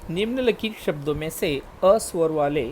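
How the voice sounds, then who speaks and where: A man teaching a primary school Hindi lesson to children, spelling out words slowly syllable by syllable and often pausing to say "okay, children". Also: on the high side, animated, darkish tone, slight background noise, poor audio. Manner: slow, spelled-out word drills.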